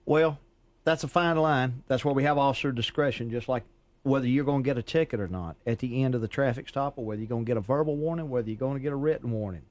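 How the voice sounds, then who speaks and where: Police officer guest, dry studio voice. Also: male voice, mid-range voice, fast talker, a little mellow, dry recording. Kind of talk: radio talk show interview.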